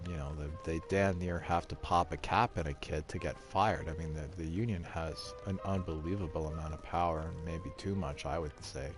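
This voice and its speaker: A middle-aged man telling a rambling school story, profane and emphatic. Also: low voice. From Canada. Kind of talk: casual storytelling monologue.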